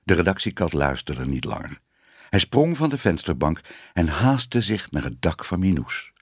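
A man's voice: deep voice, very animated, normal speed, husky, no room sound, clean studio sound. A man narrating a children's storybook expressively. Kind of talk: storybook reading.

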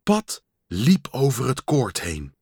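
A man reading a children's story aloud in a slow, lively storytelling manner. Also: mid-range voice, breathy edge, dry recording, clean studio sound. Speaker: storybook reader.

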